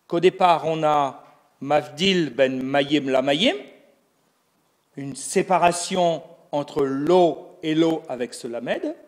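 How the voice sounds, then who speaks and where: A man giving a lecture on religious texts, explaining step by step and posing rhetorical questions that he answers himself. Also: fairly high pitch. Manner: explanatory, building an argument step by step. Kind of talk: recorded lecture.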